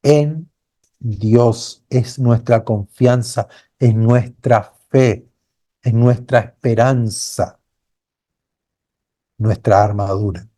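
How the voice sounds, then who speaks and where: A man's voice: mid-range voice, steady tone, drawn-out words, pauses often, warm tone. A man preaching a sermon as pastor, earnest and building to fervent cries. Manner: acts out quoted voices of a blind beggar crying out.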